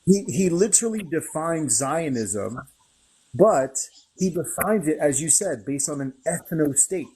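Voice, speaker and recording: A man's voice: a little high, animated, a little slow, a little mellow, a little hiss or hum, poor audio. A man on a live stream making an eager, repetitive point in casual chat.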